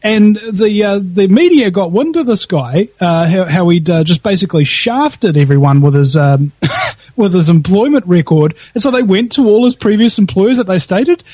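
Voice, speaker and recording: High-pitched, slightly husky New Zealand man. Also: animated, moderate pace, darkish tone, dry recording. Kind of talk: animated casual political chat.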